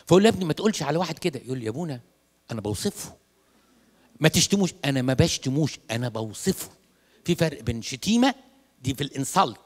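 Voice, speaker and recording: Egyptian priest man, fast lively sermon, acts out little dialogues, echoey church. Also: a little high. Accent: Egyptian Arabic. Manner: animated storytelling, acts out dialogues, mixes in English. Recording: long church reverb.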